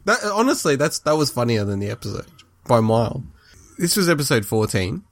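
A man's voice: medium pitch, very animated, a little fast, no room sound. A man co-hosting a podcast in casual chat, laughing heartily and wrapping up the show. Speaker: podcast co-host.

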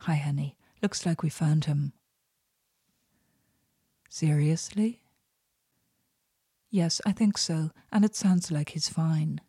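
Woman doing a calm, soothing man. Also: fairly high pitch, slow, long pauses, slightly rough, no room sound, studio quality, heavily acted. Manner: soothing, even and unflustered. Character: calm, steady middle-aged man on the phone.

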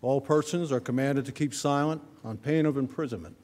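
A man's voice: mid-range voice, fairly quick, a little mellow. A man making a formal ceremonial proclamation, calling out in a declamatory town crier manner. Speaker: official proclaiming opening of Senate session. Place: large indoor legislative chamber. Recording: echoey large hall.

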